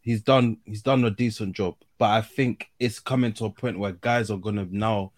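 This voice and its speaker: A man's voice: lowish voice, steady tone, normal speed, no room sound. London man in casual, slangy football chat. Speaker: football fan panellist on a podcast.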